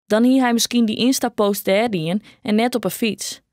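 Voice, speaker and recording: A woman with a Frisian accent voicing a gentle teenage boy who talks softly and openly about his grief, in an audiobook. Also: a little high, moderate pace, dry recording, studio quality, close to an everyday voice. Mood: sad.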